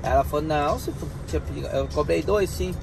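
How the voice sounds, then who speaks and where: A man's voice: on the high side, quick pace, gravelly, music in the background. A man with a Gaúcho Brazilian accent, a truck driver chatting casually to his viewers from the cab. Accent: Gaúcho Brazilian Portuguese. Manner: chatty, folksy, addresses viewers as gurizada. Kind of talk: casual vlog chat to viewers. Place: inside a truck cab on the road. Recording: loud road and engine noise.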